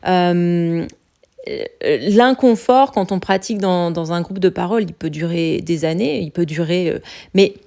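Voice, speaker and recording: A woman's voice: lowish voice, measured pace, creaky, mellow. A woman from France, speaking, chats casually on a podcast about living abroad, with lots of fillers and restarts. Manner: chatty, many fillers and restarts, laughs easily. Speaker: podcast guest sharing expat experience.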